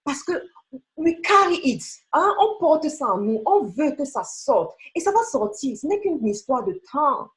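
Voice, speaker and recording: Unhurried and high-voiced, with wide swings in pitch, this woman leads a beauty sales team and trains its members. Her motivational talk is emphatic and coaxing, addressed directly to the listener through rhetorical questions.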